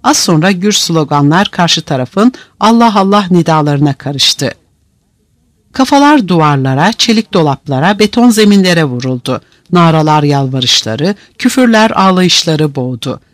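A man's voice: on the high side, big pitch swings, moderate pace, no room sound, clean studio sound. A man narrating a novel aloud in a vivid, dramatic reading style.

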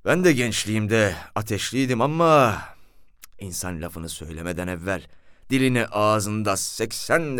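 A man's voice: mid-range voice, a bit bright, smooth, no echo, clean studio sound. Man doing a fatherly old commissioner. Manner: slow, advising, kindly. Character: fatherly older male commissioner, calm, sipping tea.

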